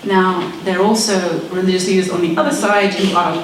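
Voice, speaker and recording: A little fast and steady in tone, her voice sits on the low side. The speaker is a woman in her thirties from Malawi, raised in Zimbabwe, making an earnest, persuasive debate speech with wry asides. She's recorded from afar in a very echoey hall with background noise.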